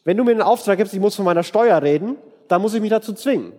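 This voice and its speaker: A man with a notably high voice preaches in an earnest, direct way, addressing his listeners plainly. His words ring out with a long reverb, as in a large church hall. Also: lively intonation, quick pace, a little mellow. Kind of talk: conversational sermon.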